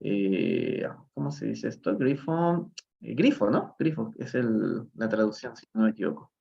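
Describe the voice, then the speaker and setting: Guy from peru teaching english live, super slow patient explaining, gravelly voice. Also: lowish voice, big pitch swings, warm tone, dull audio. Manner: patient, explains step by step, switching between Spanish and English. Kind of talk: live online reading lesson.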